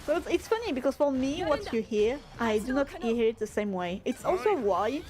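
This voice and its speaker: A woman game streamer with a French accent, chatting casually with her viewers, hunting for English words and letting her pitch swing all over the place. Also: normal speed. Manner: pitch swings constantly, never one steady tone; laughs often, restarts phrases while searching for English words. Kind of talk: casual live-stream chat, answering chat.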